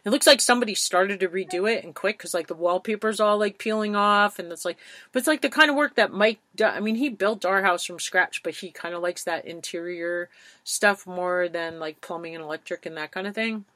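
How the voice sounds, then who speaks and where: A woman's voice: on the low side, brisk, fairly bright tone, dry recording. A woman hosting a podcast, talking in a chatty, rambling way and laughing often. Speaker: podcast host. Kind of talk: casual interview chat.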